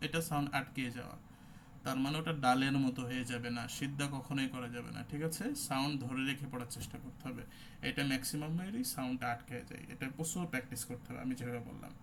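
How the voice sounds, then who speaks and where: A man's voice: medium pitch, quick pace, slight background noise. A man teaching an online Quran recitation class, explaining letter sounds and demonstrating each one.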